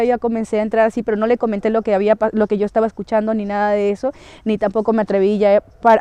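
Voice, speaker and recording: A woman's voice: mid-range voice, dark tone, clean tone, no room sound. A woman recounting her own paranormal experience in a hesitant way, with many tag questions and restarts. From Peru. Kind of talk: first-person testimony, casual storytelling.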